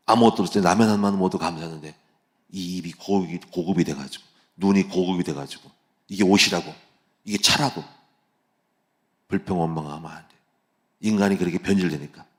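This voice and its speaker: A male pastor giving an early-morning sermon in a casual, conversational way, full of rhetorical questions and lively storytelling. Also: deep voice. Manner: casual, conversational preaching with plain speech endings and rhetorical questions; vivid storytelling that acts out quoted voices. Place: church sanctuary.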